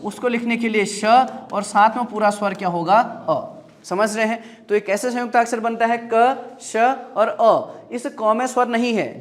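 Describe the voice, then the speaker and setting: A male Hindi teacher who drills his class with questions. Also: very high voice. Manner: drills with repeated questions and answers. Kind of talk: classroom grammar lesson.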